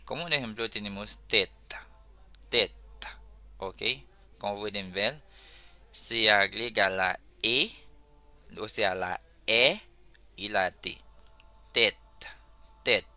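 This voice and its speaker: Low-ish guy, teaching letters slow, keeps saying ok, bright voice. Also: clean tone, dry recording. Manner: slow, repeats sounds and checks with "ok?". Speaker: language teacher. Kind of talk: casual online lesson.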